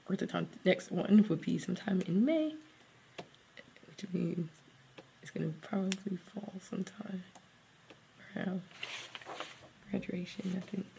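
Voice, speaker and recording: Her medium-pitched voice is gravelly, and there's background noise behind it. She's a young special education teacher and vlogger with a Southern US accent, casually rambling to camera as she thinks aloud, congested from a cold and occasionally dropping almost to a whisper.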